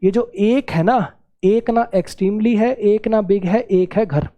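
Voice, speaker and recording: A man's voice: sits high, measured pace, mellow, highs cut off. A man teaching English grammar in a classroom-style lesson, repeating key words and checking that students follow.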